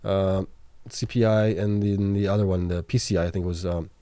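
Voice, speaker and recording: This livestream host is a man with a low, mellow voice and fairly even intonation who talks briskly through financial results and viewer questions late at night, reading the chat questions aloud. He thinks out loud, filling his casual chat with fillers and self-corrections as his voice starts to go, and there's no room sound.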